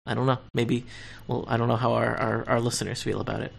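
A man's voice: medium pitch, level tone, quick pace, vocal fry. A man co-hosting a television review podcast, rambling and correcting himself with a wry tone. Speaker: podcast co-host. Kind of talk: casual review chat.

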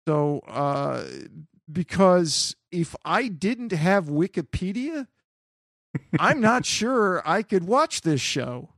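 Gravelly man ranting casually. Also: high voice, sing-song, slow pace, a bit bright, no echo, clean studio sound. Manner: swearing, rambling with restarts. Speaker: podcast co-host. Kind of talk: casual chat.

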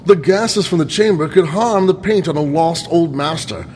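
A man playing a smug, pompous gentleman villain who taunts theatrically in an old-time radio mystery. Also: a little high, moderate pace, a little hiss or hum, close to an everyday voice. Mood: gloating. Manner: pompous, gloating. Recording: long reverb, faint music.

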